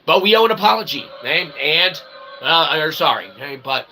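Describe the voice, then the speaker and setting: This channel host, streaming solo, delivers a rambling, mock-philosophical comedy bit in a fairly high, gravelly voice that's pushed and bright, with lively intonation at normal speed. He mixes pompous, wordy phrasing with crude language and keeps tacking on short tag questions, while ambient noise clearly fills the background.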